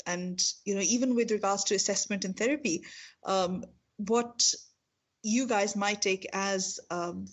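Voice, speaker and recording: Pakistani-accented woman, speech therapy lecturer, informal and earnest explainer who repeats words as she goes. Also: mid-range voice. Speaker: speech-language pathologist and university lecturer. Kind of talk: informal professional talk about own work.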